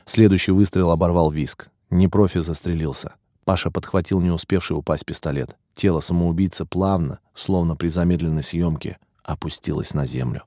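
A man reading a first-person audiobook narration in a steady, even way. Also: deep voice, moderate pace, few pauses, dry recording, studio quality.

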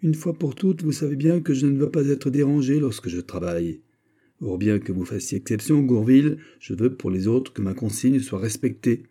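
A man's voice: mid-range voice, moderate pace, warm tone, pitched above the performer's own voice, natural voice. A man playing a haughty, imperious minister. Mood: stern. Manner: declamatory, indignant. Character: proud haughty male finance minister, imperious. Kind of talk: audiobook character reading.

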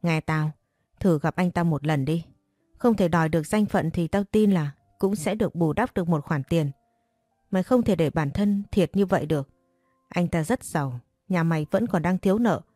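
A woman's voice: lowish voice, moderate pace, mellow, dry recording, clean studio sound, soft background music, lightly acted. A woman voicing a blunt, coarse young woman who is the narrator's best friend, in an audiobook story. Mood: pushy.

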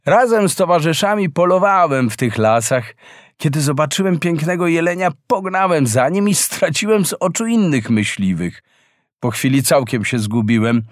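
A man's voice: fairly high pitch, animated, moderate pace, no room sound, studio quality, voice pushed up, lightly acted. A man voicing a kind, handsome young prince in a storybook reading, speaking politely and earnestly.

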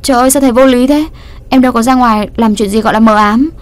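A woman voicing a quick-tempered teenage schoolgirl in a storybook reading, sharp-tongued and easily riled. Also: fairly high pitch, close to an everyday voice. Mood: indignant.

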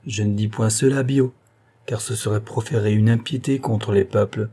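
Man doing a sad calm gentleman, low husky voice, measured and serious. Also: lightly acted. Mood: grave. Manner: measured, grave, gently reasoning.

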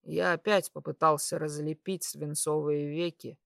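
A woman reading a first-person story aloud in a calm, measured way. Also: sits low, vocal fry, dry recording, studio quality. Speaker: audiobook narrator. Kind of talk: scripted first-person narration.

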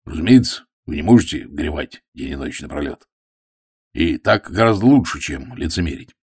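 A man's voice: extremely low pitch, animated, normal speed, a little mellow, slightly rough, exaggerated voice. A man voicing a taciturn middle-aged big game hunter who speaks bluntly and awkwardly.

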